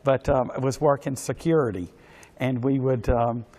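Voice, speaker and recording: A man answers as an interview guest. His pitch is average. He is courteous and formal, and hesitates often, repeating words as he searches for the next phrase. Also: fairly even intonation, mellow. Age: 60s. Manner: halting and hesitant, with many pauses and repeated words. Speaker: interview guest, pageant organization official. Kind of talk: polite spoken interview answers.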